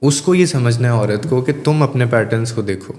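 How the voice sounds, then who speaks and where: Male life coach, mid-pitched, emphatic explainer; reverberant, roomy recording. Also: darkish tone. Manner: emphatic, explanatory, mixes English phrases into Urdu. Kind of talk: conversational advice in a podcast interview. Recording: echoey room with long reverb.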